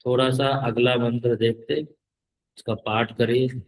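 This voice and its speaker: A man teaching a scripture class, reciting Sanskrit in a slow chant and carefully correcting his students' pronunciation. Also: mid-range voice, little pitch movement, poor audio.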